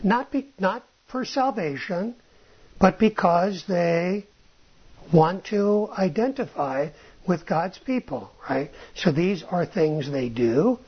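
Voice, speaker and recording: This informal Bible teacher has a slightly rough, mid-range voice with lively intonation and a slow pace. He thinks aloud, often restarts phrases, and checks in by ending points with a questioning "right?" Audio quality is dull and lo-fi.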